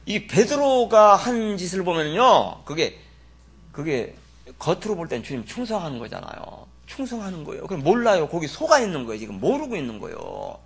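A man preaching a sermon as pastor, folksy and teasing, swinging from loud exclamations to muttered asides. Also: a little high, sing-song, moderate pace, creaky, slightly rough.

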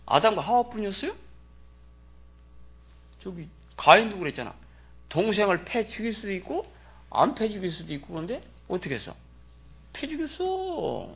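A man preaching a sermon in a colloquial way, firing rhetorical questions at the congregation and swinging between loud exclamations and low asides. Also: very animated, moderate pace, long pauses, breathy edge. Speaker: pastor.

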